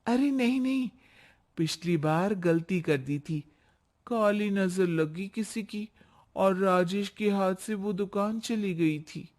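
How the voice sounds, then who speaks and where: A woman's voice: mid-range voice, takes it slowly, a little mellow, close to an everyday voice. [name], a woman voicing a chatty young wife. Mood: hopeful. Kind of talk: cartoon voice acting.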